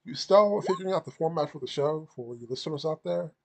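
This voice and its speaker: A man's voice: a little high, animated, fast, gravelly, slight background noise. A man hosting a podcast, talking in a laid-back casual way with lots of fillers. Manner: laid-back, filler-heavy, laughs often. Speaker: podcast host. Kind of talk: casual chat.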